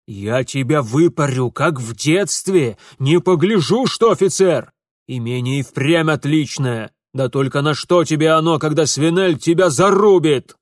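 A man's voice: a little high, expressive, unhurried, dry recording, studio quality. A man voicing a portly, enraged noble father who bellows and blusters in an audiobook. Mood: furious. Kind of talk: audiobook character voice.

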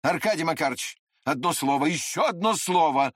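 A reader voicing a feverish, muddled nobleman in an audiobook, speaking in halting, rambling phrases. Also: a little high, expressive, dry recording, studio quality.

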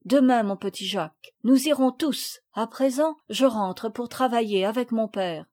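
An earnest, courageous boy from a storybook, as a woman reading aloud puts him on. He speaks warmly and protectively to the smaller children, in a slightly high voice that carries well. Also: a little slow. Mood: tender. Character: earnest, brave older boy.

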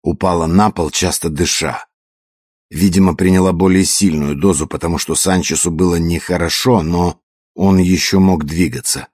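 A man narrating an audiobook in a steady, measured way. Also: low-pitched, husky, no echo, studio quality. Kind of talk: scripted narration.

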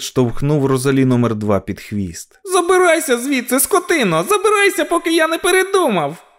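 A man narrating an audiobook dramatically, dropping to a hush in tense passages. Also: mid-range voice.

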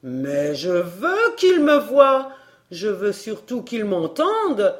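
A woman voicing a drunken old male music master who shouts commands in wild exaltation. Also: fairly high pitch, animated, normal speed, lightly acted. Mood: ecstatic.

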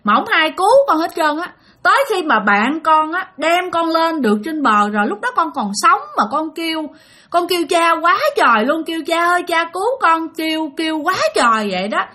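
Brief: a pleading ghost of a drowned little boy, put on by a woman with a Southern Vietnamese accent, high and whiny. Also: expressive, moderate pace, bright, forceful tone, exaggerated voice. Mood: plaintive. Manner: plaintive, complaining.

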